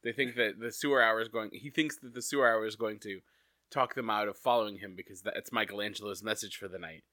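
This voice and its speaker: A man's voice: lowish voice, steady tone, fast, pushed and bright, dry recording, clean studio sound. A man co-hosting a podcast, chatting casually and with amusement about a cartoon episode. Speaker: podcast co-host.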